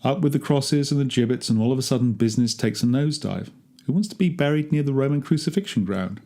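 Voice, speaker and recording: A man reads a first-person dramatic monologue in an animated, fast, warm mid-range voice that is pushed up yet close to everyday speech. He plays a wry gardener grumbling away among ancient tombs, chatty and darkly comic.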